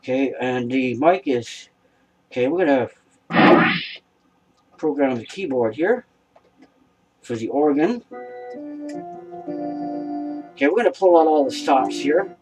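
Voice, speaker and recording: A man's voice: mid-range voice, lively intonation, slow, pauses often, music in the background, low-quality recording. A man hosting a home tech show, talking step by step in a hesitant, casual way, with many fillers and restarts, recorded by a camera across a dim room at home.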